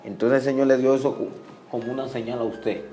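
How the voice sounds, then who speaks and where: A man's voice: medium pitch, fairly even intonation, fast, mellow, echoey room, soft background music. A man hosting a religious interview who often breaks in with amazed exclamations. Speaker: interview host.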